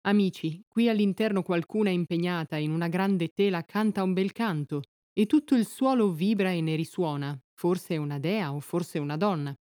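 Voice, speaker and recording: A woman's voice: fairly low pitch, moderate pace, few pauses, mellow, dry recording, studio quality, close to an everyday voice. A woman voicing an eager, bold male warrior captain urging his comrades, in a reading of epic verse. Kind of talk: epic poetry read aloud.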